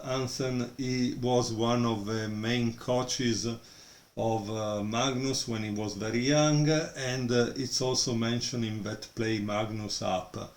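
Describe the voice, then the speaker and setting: Recorded in an echoey home room with faint noise and a storm outside, this book reviewer speaks in a mid-range, darkish voice. His casual video review is hesitant and packed with fillers.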